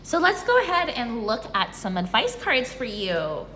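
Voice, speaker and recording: Casting: excitable woman tarot reader, high and very lively voice, long room reverb. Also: moderate pace, a little hiss or hum. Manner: bubbly, excitable, chatty. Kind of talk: casual tarot reading. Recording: reverberant room with faint ambience.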